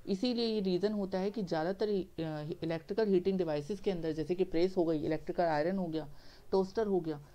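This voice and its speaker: A man's voice: sits high, steady tone, fairly quick, mellow. A male science teacher giving a classroom lecture, working through each step and answering his own questions as he goes. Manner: repeats "theek hai" to check understanding.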